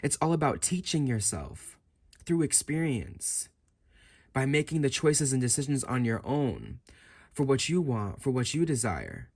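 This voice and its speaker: Husky male fortune teller reading tarot cards. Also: medium pitch, sing-song, darkish tone. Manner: halting, repeats and rephrases phrases in a musing, intuitive way. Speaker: tarot card reader. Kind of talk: fortune teller's improvised card reading, addressed to the listener.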